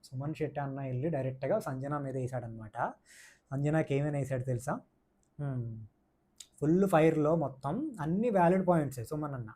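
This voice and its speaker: A man's voice: on the high side, brisk, warm tone. A man giving a casual, opinionated review of a reality show, mixing in English words and repeating his points for emphasis. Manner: mixes English words into speech.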